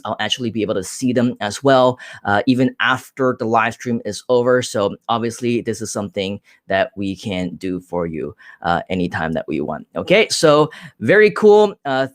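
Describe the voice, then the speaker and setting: A man's voice: mid-range voice, no echo, studio quality. A man from Hong Kong hosting a live stream, answering viewer comments in an upbeat, direct way with frequent filler sounds.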